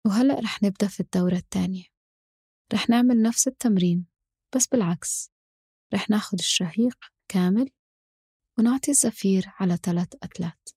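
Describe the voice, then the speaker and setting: A woman with a Levantine Arabic accent leads a guided breathing exercise in a soft, breathy voice, giving short, measured cues with audible breathing. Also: medium pitch, dry recording, studio quality.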